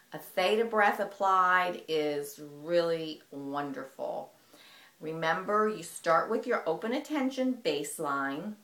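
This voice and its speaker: A woman teaching a breathing technique in a calm, explanatory way. Her voice sits low, and the room around her gives it a noticeable echo. She speaks like an instructor guiding a demonstration. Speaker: movement teacher. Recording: echoey room.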